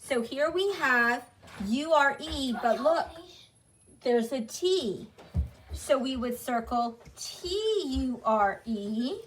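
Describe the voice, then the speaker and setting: A woman teaching a phonics lesson to children, stretching out each sound clearly and asking them to repeat after her. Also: sits high, expressive, a little hiss or hum. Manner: drawn-out, over-enunciated sounds for children to repeat. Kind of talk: slow, deliberate phonics lesson.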